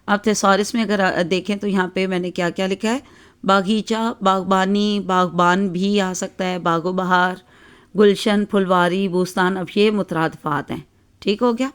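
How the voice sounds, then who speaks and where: Woman, Pakistani Urdu accent, Urdu teacher, grammar lesson, patient, frequent fillers, mid pitch. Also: fairly even intonation, clear, resonant tone. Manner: patient, explanatory, frequent "theek hai" check-ins and "aa" fillers. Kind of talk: exam-focused grammar lesson.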